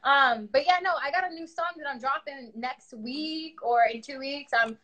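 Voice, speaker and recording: A woman's voice: high voice, normal speed, pushed and bright. A young woman from New York with a New York accent, chatting candidly about her music on a livestream. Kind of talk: casual livestream chat.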